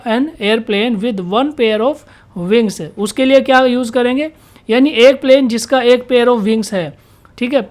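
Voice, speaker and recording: A woman leads a vocabulary lesson for students preparing for an exam, posing questions and then answering them herself. She repeats the key words and reads the English definitions aloud slowly, her voice pitched a little high.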